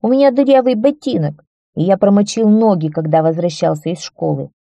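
A woman voicing a selfish young schoolboy in a children's story, loudly making excuses. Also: mid-range voice, brisk, vocal fry, no room sound, natural voice. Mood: defensive. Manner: loud, defensive, excuse-making.

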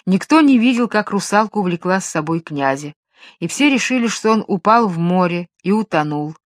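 A woman narrating a fairy tale in a calm, measured storytelling voice. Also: on the low side, no room sound, studio quality.

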